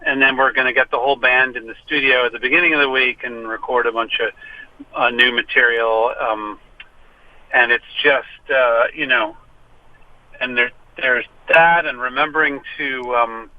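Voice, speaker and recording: A man's voice: medium pitch, bright, forceful tone. A man calling in from his car for a casual interview, rambling and self-deprecating with many restarts. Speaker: musician guest. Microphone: phone. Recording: dull phone line.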